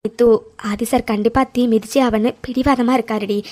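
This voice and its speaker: Woman voicing a gentle, patient young friend, pitched lower and softer than the heroine, for a cartoon. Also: fairly even intonation, brisk, close to an everyday voice. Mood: soothing.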